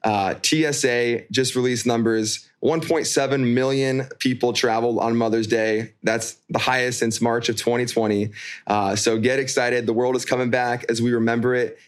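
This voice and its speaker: A man speaks in an easy, upbeat way as co-host of a chat podcast. His voice sits at a middle pitch, and he addresses the audience informally as he goes. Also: fairly even intonation, moderate pace, clear, resonant tone. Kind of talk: casual chat. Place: holiday rental, remote call over spotty Wi-Fi.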